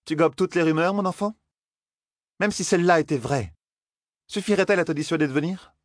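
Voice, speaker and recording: A man's voice: a little high, no room sound, studio quality, voice pushed up, lightly acted. A man reading an audiobook, voicing a haughty, cold, condescending woman of authority in a raised voice. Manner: measured, condescending. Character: haughty cold female Aes Sedai, condescending.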